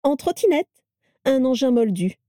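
A woman's voice: lively intonation, measured pace, mellow, no room sound, clean studio sound. A woman putting on a bubbly, gushing witch. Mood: enthusiastic. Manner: gushing, high and sing-song. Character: cheerful eccentric witch, bubbly and showy.

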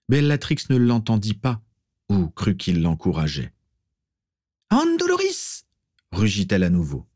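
A man narrating a story as an audiobook, steady and expressive. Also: deep voice, no echo, clean studio sound.

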